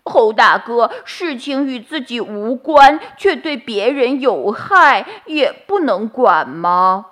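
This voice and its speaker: A woman voicing a kind, meddling male goat who asks earnest, gentle questions in a bedtime story. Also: a little high, lively intonation, slow, few pauses, voice pushed up. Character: kindhearted meddling male goat, younger neighbor.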